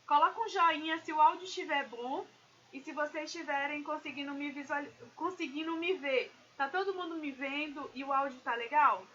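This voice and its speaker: A woman with a high, bright, ringing voice talks animatedly to her viewers as a business consultant on a live stream. The audio is a little dull and lo-fi, with faint room ambience behind her. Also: a little fast, a little hiss or hum. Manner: animated, addresses viewers directly.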